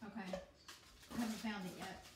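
A woman chatting excitedly as she unboxes products on a livestream, recorded on a phone from across a home kitchen. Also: medium pitch, a little fast, heavy background noise. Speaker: host of an essential oils unboxing. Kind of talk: casual unboxing chat on a livestream. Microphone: phone camera across the counter. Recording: echoey kitchen, heard from a distance.

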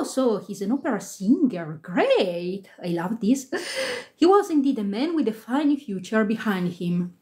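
A woman's voice: medium pitch, mellow. A woman reading a ghost story aloud on a live stream, with small slips and casual asides to her viewers. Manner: reads aloud with occasional slips, laughs and comments. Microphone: phone.

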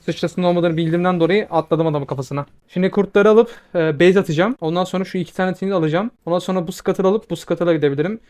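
A young man giving quick, excitable commentary over his own gameplay, swearing when frustrated. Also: sits high. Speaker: gaming video creator.

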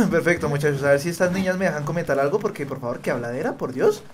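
A man's voice: a little high, very fast, a little hiss or hum. A man with a Colombian Spanish accent doing casual, teasing let's-play commentary, chatting to viewers and game characters in slang. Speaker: gaming streamer. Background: game music and sound effects.

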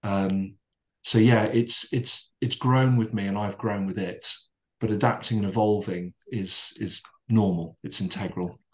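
Calm, low-voiced man telling a story. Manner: calm, measured, with many restarts and fillers. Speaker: podcast guest. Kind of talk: reflective storytelling in conversation.

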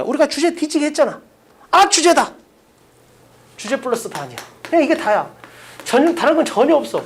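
A man teaching an English class in a casual, blunt way, quizzing students by name. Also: extremely high pitch. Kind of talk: classroom lecture.

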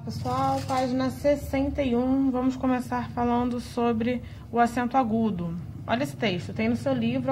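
A woman teaching a recorded lesson to young schoolchildren, slowing down to sound out each word clearly. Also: high-pitched, a little hiss or hum. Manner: slow, clearly spelled-out words for young pupils. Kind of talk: recorded video lesson for children.

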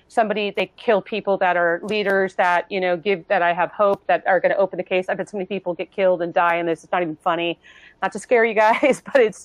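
Woman, earnest testimony, mid pitch, halting restarts, dry close sound. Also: no room sound, rough recording. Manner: earnest, halting, many restarts, acts out others' voices. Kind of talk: emotional personal testimony in a panel talk.

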